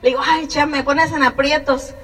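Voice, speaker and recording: A woman in her thirties from Mexico tells her life story as a testimony, speaking slowly and earnestly to encourage her listeners. Her voice sits high. She is recorded from a distance, and a long reverb from a large hall trails her words. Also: fairly even intonation, fairly bright tone. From Mexico (Jalisco and Colima). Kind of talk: personal testimony speech. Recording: far from the mic in a reverberant hall.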